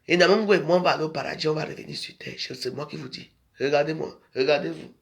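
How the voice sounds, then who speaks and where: A man's voice: a little high, fast talker, creaky. A man delivering a scolding, rambling monologue to his social media followers in a confrontational way. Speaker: social media video maker.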